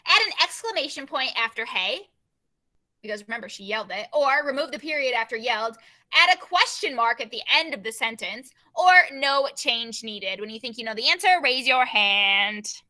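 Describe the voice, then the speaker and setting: A young woman teacher leading an online grammar class over a video call, brisk and given to repeating her prompts. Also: fairly high pitch, animated, sharp tone.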